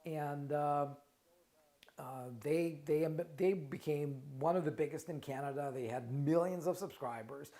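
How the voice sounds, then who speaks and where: There's a warm, unhurried quality to this middle-aged man's slightly high voice as he hosts a casual live Q&A stream. A trademark lawyer and company founder with a Russian accent, he frequently restarts, repeats words and checks in with "right?"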